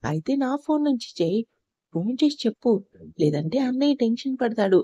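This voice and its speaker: A woman's voice: fairly high pitch, sing-song, a little fast, mellow, slightly rough, no room sound, lo-fi sound. A woman reading the part of a playful young sister-in-law who teases and reassures in a storybook reading. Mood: teasing.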